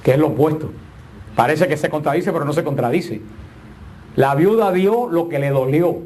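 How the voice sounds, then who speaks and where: A man's voice: a little high, moderate pace, a little mellow, slight background noise. A middle-aged man preaching a sermon with emphatic, swinging delivery and joking asides.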